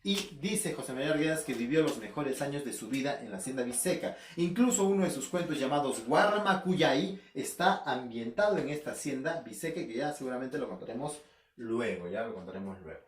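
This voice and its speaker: A man teaching a literature class in a casual, animated way, asking questions and answering them himself. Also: medium pitch, a little fast. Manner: animated, asks and answers his own questions. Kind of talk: casual remote class lecture. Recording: echoey room, voice somewhat far from mic.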